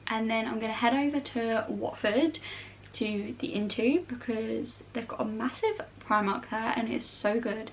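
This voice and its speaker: A woman's voice: on the high side, slight background noise, low-quality recording. A young woman with a southern English accent chats informally in a casual Q&A vlog, often saying "like" and "obviously". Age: young adult. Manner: chatty, informal, frequent "like" and "obviously". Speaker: vlogger answering viewer questions. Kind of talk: casual Q&A chat to camera.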